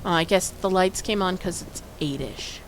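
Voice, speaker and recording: A woman's voice: on the low side, moderate pace, a little hiss or hum. A woman from the US chatting casually and wryly while playing a game on stream. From United States. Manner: chatty, rambling, wry. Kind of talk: casual gameplay commentary.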